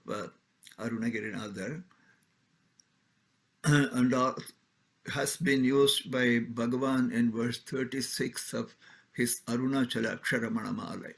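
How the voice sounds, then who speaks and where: A man giving a formal spiritual discourse, speaking in a measured, deliberate, explanatory way and often clearing his throat. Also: mid-range voice, fairly bright tone.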